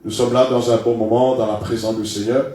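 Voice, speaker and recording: In a brisk, warm, mid-range voice with little pitch movement, a middle-aged pastor who has a cold leads the church meeting with chatty announcements. He hesitates and peppers his talk with "hein," and the audio is distant and very echoey in the church hall.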